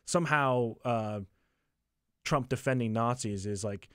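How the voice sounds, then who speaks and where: A man appearing as a guest reporter, casually breaking down politics with quick laughing asides. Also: medium pitch, fairly bright tone, smooth, no echo, clean studio sound. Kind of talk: casual political analysis chat.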